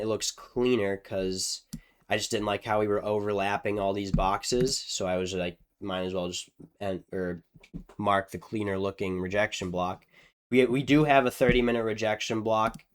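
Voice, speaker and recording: A man's voice: fairly low pitch, smooth. A young man hosting his own video, talking casually through a chart on screen, joking at his own mistakes and restarting his sentences as he thinks aloud. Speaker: trading video host. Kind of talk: screen-share chart walkthrough.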